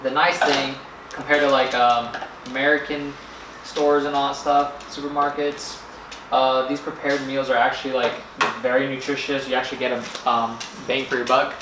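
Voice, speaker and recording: A man's voice: medium pitch, little pitch movement. Rambling man vlogging in an echoey room. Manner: rambling, halting, searches for words. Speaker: food vlogger. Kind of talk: casual vlog narration to camera. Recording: echoey room with faint background noise.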